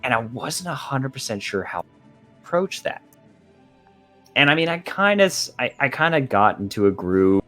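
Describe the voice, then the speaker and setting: A man chatting casually as a podcast guest, animated and joking as he rambles through a story. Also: mid-range voice, moderate pace, soft background music.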